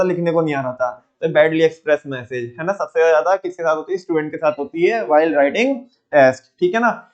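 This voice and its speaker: A young male teacher lectures a room full of students in a bright, high register, constantly quizzing them and drilling terms through call-and-response. The recording sounds a little muffled and lo-fi, and the students' replies come through now and then. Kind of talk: live classroom lecture. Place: classroom with students.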